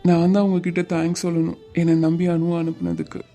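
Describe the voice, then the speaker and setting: A woman voicing a gentle young man in love, soft and coaxing, in an animated web series. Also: lowish voice, fast, faint music behind, close to an everyday voice.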